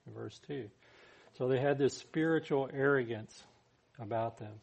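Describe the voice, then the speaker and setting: A man's voice: medium pitch, a little slow, vocal fry. A man preaching a sermon as a pastor, talking in a conversational way and putting scripture into plain everyday words.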